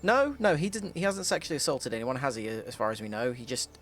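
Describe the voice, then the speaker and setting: A man's voice: mid-range voice, sing-song, fast talker, a bit bright. A man from Britain giving chatty, joking let's-play commentary. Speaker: streamer. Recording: commentary over game music.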